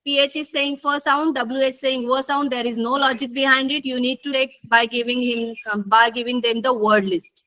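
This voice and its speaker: A high-pitched woman leads an online phonics lesson. She speaks very slowly and spells words out letter by letter. Her voice is bright and clear. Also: level tone. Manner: explains rules slowly with repetition, mixing Hindi and English. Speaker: phonics trainer teaching teachers.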